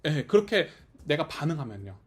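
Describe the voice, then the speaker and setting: A man's voice: on the high side, very animated, brisk. A man preaching as pastor at a small house-church service, talking it through with the listeners and often checking that they follow. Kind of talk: conversational sermon.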